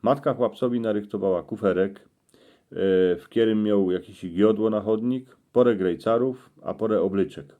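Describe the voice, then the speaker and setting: A man's voice: lowish voice, moderate pace, narrow, tinny audio. A man with a Cieszyn Silesian accent, telling a folksy monologue in regional dialect and addressing listeners directly. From Cieszyn Silesia, Poland.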